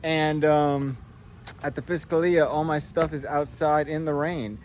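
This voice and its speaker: A man's voice: a little high, steady tone, unhurried, a little hiss or hum. A man vlogging on his phone outdoors in a city square, talking in an upset, rambling, repetitive way. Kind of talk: casual selfie vlog.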